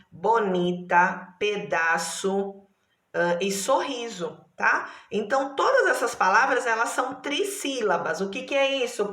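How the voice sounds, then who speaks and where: With a slightly low, somewhat bright voice in a roomy-sounding space, a Brazilian woman gives a primary school lesson. Her Brazilian Portuguese accent comes through as she speaks slowly and patiently, lengthening syllables and frequently making sure the kids follow.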